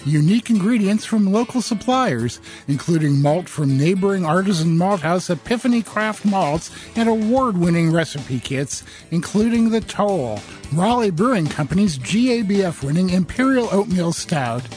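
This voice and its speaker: A man reading a sponsor ad for a shop in a brisk sales-pitch delivery. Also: animated, darkish tone, faint music behind. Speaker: ad announcer. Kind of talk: read advertisement.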